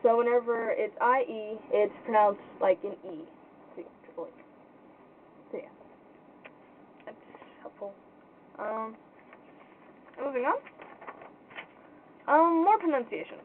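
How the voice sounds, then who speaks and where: A young woman with a fairly high voice gives an informal pronunciation lesson. She speaks casually and haltingly, often thinking aloud and sounding unsure. The sound is thin and phone-like, with faint noise behind her. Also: expressive. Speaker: language tutor.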